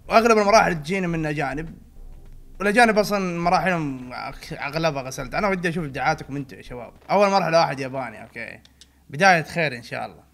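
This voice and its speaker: Excitable man with a lively voice. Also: fairly high pitch, rapid-fire, vocal fry, soft background music. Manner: excitable, swinging between mutters and loud outbursts. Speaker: gaming channel host. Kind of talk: let's play commentary.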